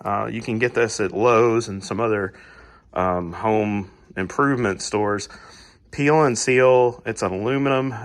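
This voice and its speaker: Working on a car in his garage, a man hosts a casual how-to vlog for his channel. His voice is medium-pitched and a bit bright, slightly raspy as he recovers from a cold, and he talks in a laid-back, rambling way full of fillers.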